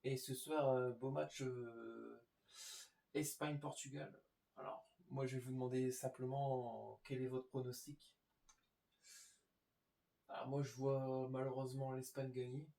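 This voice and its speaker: A man's voice: mid-range voice, little pitch movement, unhurried, creaky, pauses often, warm tone. A man giving casual, informal game commentary, talking directly to his viewers as host. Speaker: gaming video host. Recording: roomy echo.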